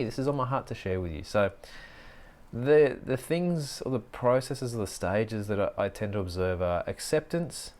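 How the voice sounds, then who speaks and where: A middle-aged man hosting a solo podcast, musing earnestly on personal growth, often pausing to restart his thoughts. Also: lowish voice, a little mellow. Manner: earnest, musing, with frequent restarts and slow stretches. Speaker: podcast host and life coach. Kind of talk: reflective solo podcast monologue.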